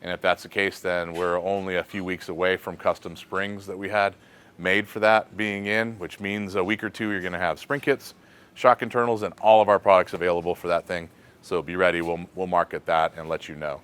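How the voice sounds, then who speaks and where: A deep-voiced American man leads a laid-back shop chat. His voice is smooth and clear. He muses aloud and leans on easy fillers as he answers questions. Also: fairly quick. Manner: relaxed, thinking aloud with fillers. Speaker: host of a shop question segment. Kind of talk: casual shop talk.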